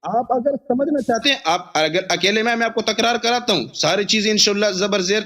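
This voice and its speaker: A man's voice: high voice, sharp tone. A man arguing as a cleric in a debate, repeatedly pressing his point and insisting that his opponent listen. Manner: keeps cutting in to demand to be heard. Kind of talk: heated debate.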